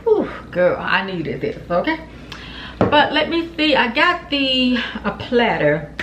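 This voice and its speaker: Woman food vlogger, casual and animated, slightly breathless, faint room noise. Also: fairly high pitch, slow pace. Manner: chatty, animated, talks straight to viewers as "y'all". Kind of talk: casual mukbang chat to camera. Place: home.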